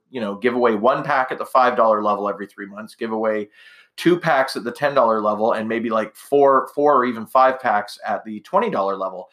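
Male podcast host from Canada, middle-aged, medium pitch, casual rambling monologue. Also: a bit bright. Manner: rambling, chatty, self-correcting asides.

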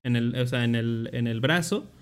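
A young man, hosting a casual podcast and telling animated, slangy stories. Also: medium pitch, normal speed, clean tone. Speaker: podcast host.

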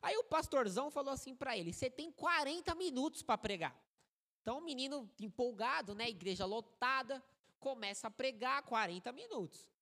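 A man in his thirties with a Brazilian Portuguese accent, a guest preacher giving a sermon in a joking, animated, conversational way, with a fairly high voice for a man. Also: brisk. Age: 30s. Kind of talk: sermon with humorous storytelling. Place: church sanctuary. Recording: long church hall reverb.

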